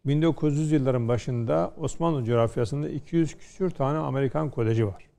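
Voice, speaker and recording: Gravelly-voiced man lecturing, dark tone. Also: mid-range voice, fairly quick. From Turkey, Konya. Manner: lecturing, storytelling with rhetorical questions. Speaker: law scholar guest. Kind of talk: studio panel discussion.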